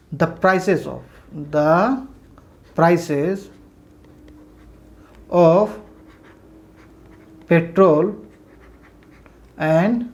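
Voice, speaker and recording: A woman teaching English grammar, at an ordinary middle pitch. She keeps asking the class questions and answering them herself. She draws each English word out slowly for the students to copy. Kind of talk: classroom-style grammar lesson.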